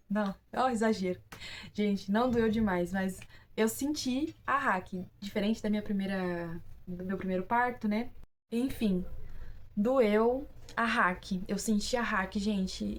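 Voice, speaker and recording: A young woman with a Brazilian Portuguese accent, casually telling viewers her own story, chatty and full of fillers and restarts. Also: mid-range voice. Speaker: vlogger.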